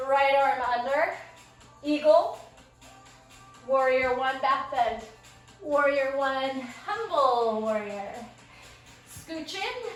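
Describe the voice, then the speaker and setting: A woman fitness instructor calling out short, upbeat exercise cues while out of breath, working in a small space. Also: sits high. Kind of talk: cueing a workout class. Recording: echoey room, distant mic, background music.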